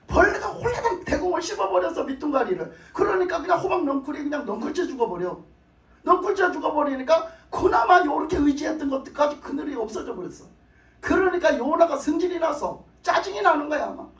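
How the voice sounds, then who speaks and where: High-voiced animated Korean pastor. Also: male voice. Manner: animated storytelling, acts out voices. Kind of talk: sermon. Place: church hall. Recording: echoey church hall from a distance.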